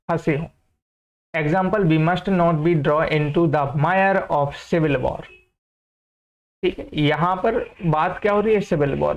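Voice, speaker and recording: Indian man teaching vocabulary, lo-fi recording. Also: a little high. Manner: repeats questions to students and checks understanding; slow, careful reading of English example sentences. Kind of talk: classroom vocabulary lesson. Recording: dull lo-fi recording.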